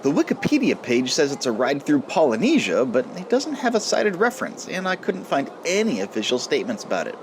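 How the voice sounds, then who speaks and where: A man's voice: a little high, wildly swooping pitch, brisk, hardly any pauses, slight background noise. A man hosting a ride video with upbeat scripted narration and a chatty way of addressing viewers. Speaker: host narrator of a theme park ride video. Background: music.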